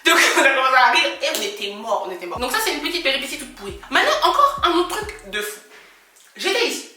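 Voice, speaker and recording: Animated woman storyteller vlogging from home, high, lively voice, echoey and distant from the mic. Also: quick pace, a little hiss or hum. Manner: animated, dramatic, laughing retelling. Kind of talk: storytime vlog. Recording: echoey room from far off, faint music.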